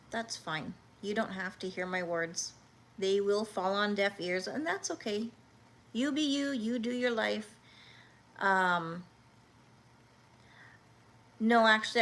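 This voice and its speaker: A woman in her fifties hosting a livestream, talking earnestly and haltingly, with many restarts, as she answers viewers' comments. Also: mid-range voice, a bit bright. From Canada. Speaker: livestream host.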